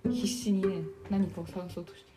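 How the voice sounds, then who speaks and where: A young woman in her twenties co-hosting a casual chat, animated and laughing, mixing in English words. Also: medium pitch, normal speed, over loud music. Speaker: podcast co-host.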